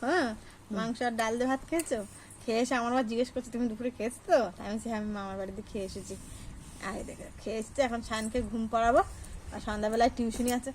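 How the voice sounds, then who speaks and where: A young woman narrating a casual family vlog in a chatty way, talking softly to her young son at times. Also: fairly high pitch, racing, a little hiss or hum. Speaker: family vlogger.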